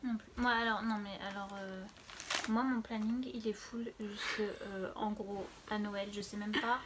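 A woman's voice: mid-range voice, steady tone, measured pace, background noise. A woman co-hosting a casual knitting podcast, chatty and sometimes trailing off into near-whispers. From France. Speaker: podcast co-host. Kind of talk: casual chat about knitting.

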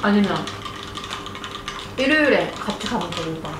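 A woman's voice: medium pitch, lively intonation, moderate pace, background noise. A woman in her thirties chatting casually between bites while eating at home. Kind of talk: casual chat during a family mukbang. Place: home dining room at a table. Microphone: camera microphone across the table. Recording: roomy, distant camera mic, clattering dishes.

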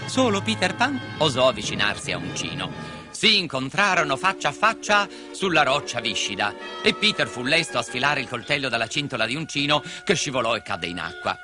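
A man's voice: mid-range voice, big pitch swings, a little fast. A man narrating a children's story expressively, slipping into voices for the characters. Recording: music behind the voice.

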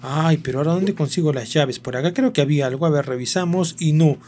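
Excitable gamer man. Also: on the high side, fast talker. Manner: excitable, keeps talking to viewers. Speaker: gaming host. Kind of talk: let's-play commentary.

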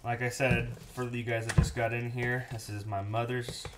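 A man's voice: medium pitch, level tone, moderate pace, reverberant. A man in his thirties chatting casually as he cooks in a small home kitchen and answers live chat. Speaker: cooking show host. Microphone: fixed camera mic, host moves around. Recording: noisy kitchen, running water.

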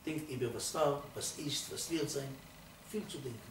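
A man in his eighties, a rabbi giving a Torah sermon, speaking emphatically and rising from quiet to loud to stress his points. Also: medium pitch, moderate pace, slight background noise. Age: 80s. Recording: roomy, distant mic, faint ambience.

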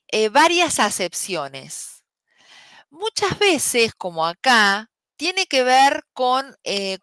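A woman's voice: fairly high pitch, sharp tone, no room sound. A woman teacher, patiently explaining an English lesson step by step and often checking in with "¿sí?". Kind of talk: online class explanation.

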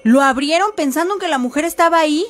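A woman's voice: sits high, quick pace. A woman telling a horror story for a podcast, chatty, with fillers and asides to listeners.

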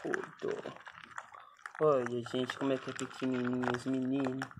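A man coaxing his pet dogs to eat, in a soft, cooing baby-talk voice that jumps up into high squeaks. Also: monotone, moderate pace. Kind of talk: casual talk to pets. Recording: noisy home recording with dogs around.

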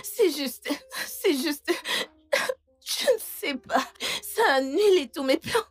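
High, swooping, crying young woman, halting and slow, french film dub. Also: lively intonation, faint music behind. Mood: sobbing. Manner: sobbing, halting. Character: heartbroken young woman weeping over her prince.

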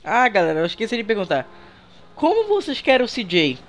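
A young man with a Brazilian accent giving relaxed, slangy commentary while playing a game, chatting with viewers through a headset mic. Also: high-pitched, fairly quick. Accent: Brazilian Portuguese. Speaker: gaming youtuber. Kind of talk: casual gameplay commentary. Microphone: headset microphone.

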